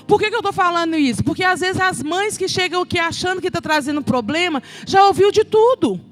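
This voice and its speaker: Woman, middle-aged, Brazilian accent, high voice, emotional testimony sermon to a congregation, faint music under it. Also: expressive, fairly quick. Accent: Brazilian Portuguese. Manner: emotional, addresses the congregation as brothers. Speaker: children's ministry speaker.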